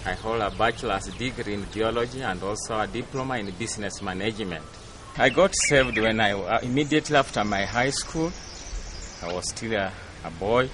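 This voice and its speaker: A man from Western Kenya on ministry staff, giving a steady, earnest personal testimony. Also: lowish voice, brisk. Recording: noisy outdoor recording.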